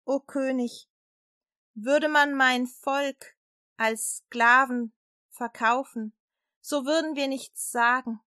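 A woman's voice: high-pitched, fairly even intonation, takes it slowly, bright, forceful tone, no echo, studio quality, exaggerated voice. A woman voicing a brave young queen in a storybook, speaking earnestly and solemnly. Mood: pleading. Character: brave young queen pleading for her people.

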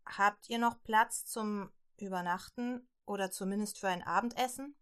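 A woman voicing two hungry, weary male spies in a children's Bible story, speaking in a hushed, plain way. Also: medium pitch, moderate pace, lightly acted. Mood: curious.

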